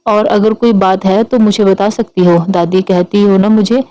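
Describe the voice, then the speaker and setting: A woman voicing an elderly grandmother who is affectionate and gently teasing. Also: mid-range voice, steady tone, moderate pace, close to an everyday voice, rough recording. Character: elderly loving grandmother, fond and fussing.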